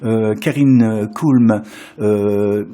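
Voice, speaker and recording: A man hosting a conversational radio interview, asking drawn-out, hesitant questions and echoing what he hears. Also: on the low side, mellow.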